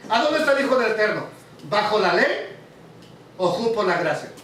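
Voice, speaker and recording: A man's voice: sits high, sing-song, moderate pace, fairly bright tone, a little hiss or hum. A man teaching a sermon to a congregation, often asking the audience questions. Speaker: preacher. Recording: very echoey hall, mic far off.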